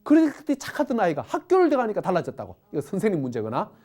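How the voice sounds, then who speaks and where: Woman parenting educator, middle-aged, lively rhetorical lecture delivery. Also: medium pitch, racing, faint music behind. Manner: animated, talks to audience with rhetorical questions.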